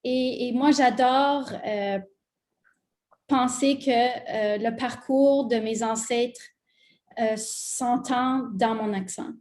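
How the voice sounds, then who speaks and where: A woman's voice: fairly high pitch, steady tone, takes it slowly, darkish tone. A woman with a Fransaskois French accent, speaking earnestly with many fillers on a webinar panel. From Saskatchewan, Canada. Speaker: guest artist.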